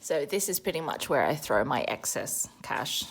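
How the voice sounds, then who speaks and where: A woman's voice: deep voice, sing-song, normal speed, gravelly, slight background noise. An Australian woman in her thirties chatting casually in a budgeting vlog, counting cash aloud with self-deprecating humour. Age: 30s. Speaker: budgeting vlogger.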